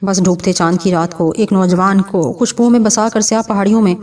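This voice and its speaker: Grave honest tribe chief, woman reading him, mellow voice, mic a bit far off. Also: mid-range voice, fairly even intonation, natural voice.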